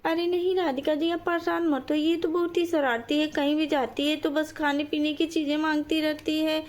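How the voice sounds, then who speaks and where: A woman's voice: high voice, little pitch movement, normal speed, close to an everyday voice. A woman voicing a scolding young village mother in a doll story, exasperated with her mischievous daughter. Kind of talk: doll story role-play.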